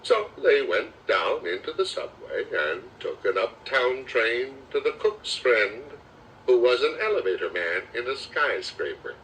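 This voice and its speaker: Male children's audiobook narrator, slow and lively, dramatic storytelling style, slightly distant cassette sound. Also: mid-range voice, slight background noise. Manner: expressive, dramatic storytelling delivery. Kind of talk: children's storybook read-aloud.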